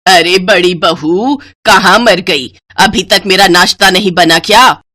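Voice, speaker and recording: Woman voicing older storybook mother-in-law, harsh, bossy, lowered voice, dry sound. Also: expressive, normal speed, sharp tone, no room sound, full character voice. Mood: shouting. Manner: scolding, contemptuous.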